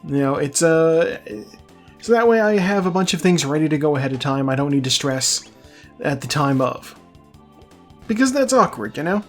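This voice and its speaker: A let's play host chats casually through a video game playthrough, rambling and correcting himself as he goes. His voice is a little high and his pace moderate, with soft music playing in the background.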